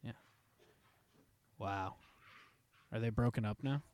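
Dude hosting a podcast, gets loud and excited reacting to clips, laughs a lot. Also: male voice, lowish voice, slow pace. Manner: excitable, laughs often, swears casually. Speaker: podcast host. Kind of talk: casual chat reacting to videos.

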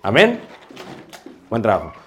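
Brisk, teasing Mexican man coaching. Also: lowish voice, wildly swooping pitch. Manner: brisk, teasing, giving short commands. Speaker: public speaking teacher for church preachers. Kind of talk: informal hands-on coaching.

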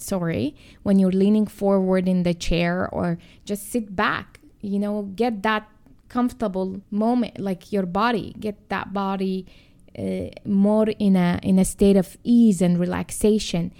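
A podcast host and coach walks listeners through a calm grounding and mindfulness exercise, her medium-pitched voice carrying some vocal fry. She guides gently, in a halting, instructional way.

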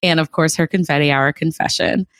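A woman's voice: sits low, steady tone, brisk, fairly bright tone, no room sound, studio quality. A woman hosting an interview, enthusiastic and full of fillers like "like" and "you know". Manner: enthusiastic, says like a lot. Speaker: podcast host.

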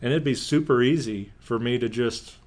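A man's voice: mid-range voice, normal speed, darkish tone. A man chatting casually as a pastor and co-host, given to joking, teasing asides. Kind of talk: casual conversation.

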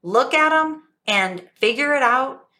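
A woman coach giving an energetic, emphatic motivational talk, telling stories with animated emphasis. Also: high voice, slow.

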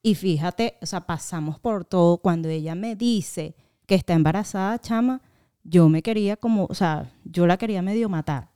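A woman's voice: fairly low pitch, moderate pace, warm tone, smooth. A young Venezuelan woman co-hosting a casual podcast, telling family stories animatedly and acting out what her relatives said. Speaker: podcast co-host. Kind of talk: casual chat.

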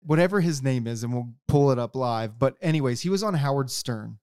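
A man's voice: mid-range voice, lively intonation, a little fast, a little mellow, smooth, dry recording, clean studio sound. A man hosting a collectors' podcast, joking and rambling in a casual chat. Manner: jokey, rambling, self-mocking. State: tired from no sleep. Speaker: podcast host.

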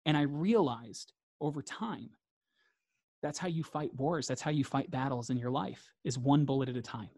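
A man's voice: medium pitch, moderate pace, darkish tone, no room sound, clean studio sound. A man, a guest in a reflective interview, talking earnestly and repeating phrases for emphasis.

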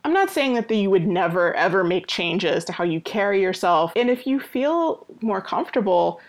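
A woman's voice: medium pitch, animated, normal speed. A woman chatting as a podcast guest, talking loosely with lots of "like" and "you know" fillers. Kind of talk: casual interview chat.

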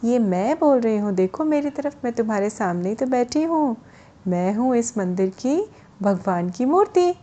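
A woman voicing a gentle female temple statue that speaks in a children's story. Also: fairly high pitch, animated, normal speed, highs cut off.

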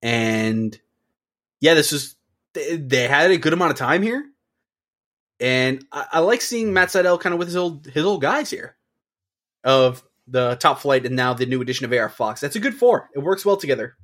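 A man's voice: medium pitch, expressive, moderate pace, a bit bright. A man co-hosting a podcast, casually recapping results and reacting with offhand swearing. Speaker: wrestling podcast co-host.

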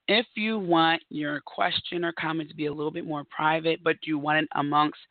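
A woman hosts her own solo podcast, her voice raspy and hoarse while she recovers from bronchitis, yet she chats upbeat and laughs often. Her voice sits low, and the dry recording sounds narrow and tinny.

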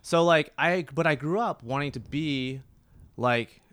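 A man's voice: a little high, measured pace, a bit bright, clear, resonant tone, no room sound. A man in his thirties from Oklahoma, talking as a podcast guest in a rambling way, with lots of fillers and restarts. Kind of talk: casual conversational interview.

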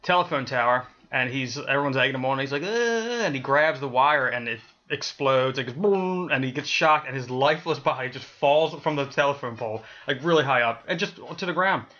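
A man's voice: medium pitch, a little fast, hardly any pauses, pushed and bright, lo-fi sound. A man co-hosting a podcast, chatting casually, laughing often and swearing freely. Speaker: podcast co-host. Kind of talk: casual chat.

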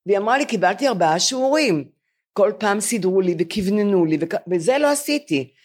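A woman's voice: mid-range voice, lively intonation, a little mellow. A woman in her seventies, a podcast co-host, chatting in a self-mocking, storytelling way before a live audience. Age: 70s.

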